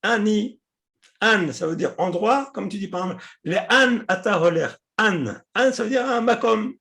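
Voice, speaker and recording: A man teaching a class, explaining patiently, repeating words and pausing often with hesitations. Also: high voice, lively intonation, vocal fry, fairly bright tone. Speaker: Hebrew teacher.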